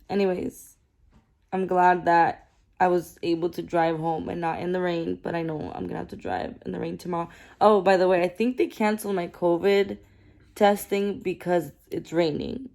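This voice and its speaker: Speaking in a fairly low, creaky voice with a darkish tone, a young woman vlogs to a camera held near her. The chat is casual and meandering, full of fillers and asides, moving from her car to her home.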